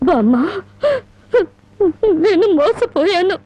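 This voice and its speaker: A bitter, wronged young wife. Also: female voice, extremely high pitch, very animated, takes it slowly, a little mellow, dry recording, heavily acted. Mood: tearful despair. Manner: sarcastic, cutting rebukes. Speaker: wife in a film drama. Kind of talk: melodramatic film acting. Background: film score.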